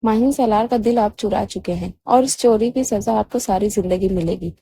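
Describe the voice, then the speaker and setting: A woman's voice: mid-range voice, gravelly, warm tone, breathy edge, no room sound, voice pushed down. A woman reading the lines of a hurt, tearful young wife in a romantic novel.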